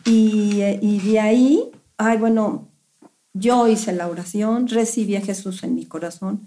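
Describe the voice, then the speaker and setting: Woman, middle-aged, mellow voice, halting testimony with lots of ums. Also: medium pitch, steady tone. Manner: hesitant, with many fillers and restarts. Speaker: guest giving a testimony. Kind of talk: personal testimony in a radio interview.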